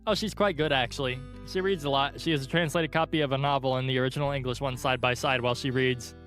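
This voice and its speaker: A man's voice: medium pitch, steady tone, fast talker, close to an everyday voice. A young man reading the lines of a friendly, earnest schoolgirl in a visual novel, in close to his own voice. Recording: faint guitar music underneath. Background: soft guitar music.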